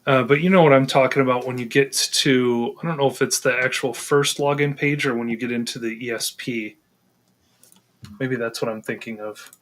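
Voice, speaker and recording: A man co-hosts a live Q&A at a moderate pace, his medium-pitched, slightly bright voice fairly even in intonation, with slight background noise. Answering questions as he walks through on-screen settings, he sounds hesitant, using many ums and second-guessing himself.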